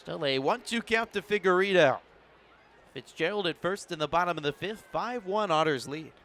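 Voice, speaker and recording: Broadcasting live baseball play-by-play for radio, this announcer works from an outdoor ballpark in the evening. He speaks at a moderate pace in a high, slightly bright voice with lively intonation.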